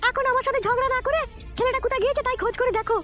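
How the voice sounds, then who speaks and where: A woman's voice: very high-pitched, steady tone, very fast. A woman playing a worried village mother who scolds and pleads with her husband about their missing son, in a comic audio drama. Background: background music.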